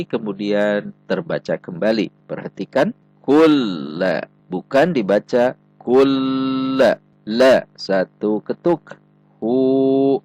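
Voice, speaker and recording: A man teaching Quran recitation, patiently explaining rules and slowly sounding out example syllables. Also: on the low side, darkish tone, no echo. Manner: patient, methodical, drawn-out syllables when demonstrating. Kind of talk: tajwid lesson with slow recited examples.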